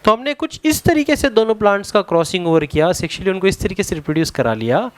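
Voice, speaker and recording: A man with an Indian accent teaching a science lesson to a class, mixing two languages, pausing to search for words. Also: high-pitched, expressive, no room sound. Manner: explains in a Hindi and English mix, spells words out; halting, searches for words with many fillers.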